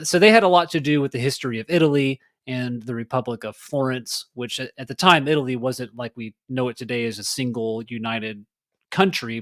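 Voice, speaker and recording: A man's voice: on the high side, dry recording, studio quality. Rambling man hosting a solo podcast. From Texas. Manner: rambling, conversational, many fillers and restarts. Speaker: podcast host. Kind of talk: casual solo political talk.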